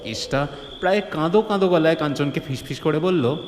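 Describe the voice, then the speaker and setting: A man with a slightly high voice narrates a scripted horror-comedy story at a fairly quick pace, in a theatrical, suspenseful style. The recording is reverberant with faint ambient noise.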